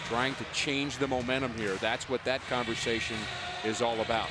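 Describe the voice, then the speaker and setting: A man giving measured, explanatory color commentary on a live baseball broadcast. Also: mid-range voice, fairly even intonation. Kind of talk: live sports analysis commentary. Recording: loud stadium crowd noise. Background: loud ballpark crowd.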